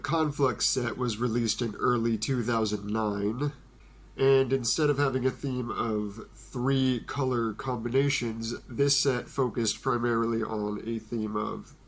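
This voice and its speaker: Young male host, blocked nose, breezy playful card-review delivery, middle-pitched. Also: steady tone, unhurried. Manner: playful, jokey asides to an imagined listener. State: stuffy nose from allergies. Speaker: Magic card video host. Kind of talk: casual card review talk.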